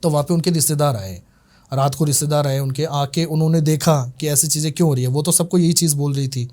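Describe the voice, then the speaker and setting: Male tantrik guest, a little higher voice than most, rambling repetitive storyteller. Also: steady tone, fast talker, a little mellow. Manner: rambling, repetitive retelling with many fillers. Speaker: tantrik guest telling a case. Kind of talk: casual spoken storytelling.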